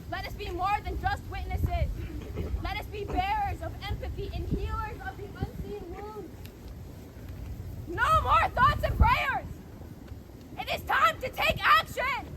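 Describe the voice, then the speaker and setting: A young woman from Palestine giving an impassioned, pleading rally speech outdoors. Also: very high-pitched. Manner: emphatic, pleading, building to shouts. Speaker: student speaker at a rally. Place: outdoor campus plaza. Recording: outdoor rally with crowd noise. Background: crowd.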